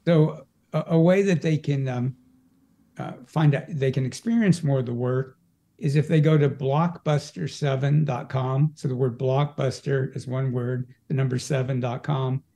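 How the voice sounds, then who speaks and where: Male interview guest, practitioner, mellow voice, explanatory, stammering restarts. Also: medium pitch, fairly even intonation, moderate pace, gravelly. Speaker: energy work practitioner guest. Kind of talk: casual conversational interview.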